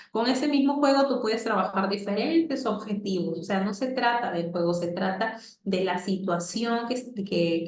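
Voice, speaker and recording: A woman teaches in a professional training lecture, and her voice rings in a roomy space. She explains step by step, tags her points with quick questions and acts out examples with bright, exaggerated phrasing. Her pitch sits at an ordinary middle. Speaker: speech therapy lecturer. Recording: roomy echo.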